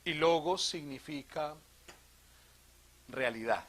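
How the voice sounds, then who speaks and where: A man from Colombia, a priest, giving an animated theology talk to a live audience, asking questions and joking. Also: fairly high pitch, takes it slowly. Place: retreat hall.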